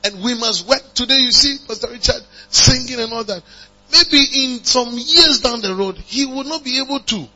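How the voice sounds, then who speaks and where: A man preaching a sermon, calling on the congregation to respond and building to emphatic high passages. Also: moderate pace, pushed and bright. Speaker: pastor. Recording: dull lo-fi recording with mains hum.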